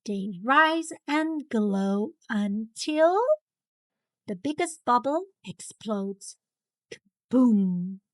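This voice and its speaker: A woman reading a children's story aloud in an animated, dramatic way, with exaggerated cartoon intonation and stretched key words. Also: on the high side, extremely slow, no room sound. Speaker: storybook reader.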